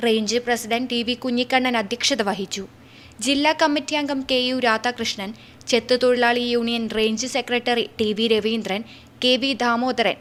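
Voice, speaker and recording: A woman newsreader reading local news in a formal, measured delivery. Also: a little high, a bit bright.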